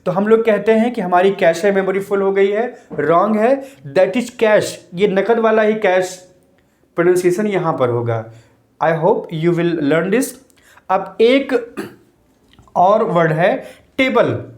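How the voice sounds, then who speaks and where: A man explaining English pronunciation in a measured way, mixing Hindi and English. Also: high voice, expressive, darkish tone. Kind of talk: explaining lesson to camera. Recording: echoey room.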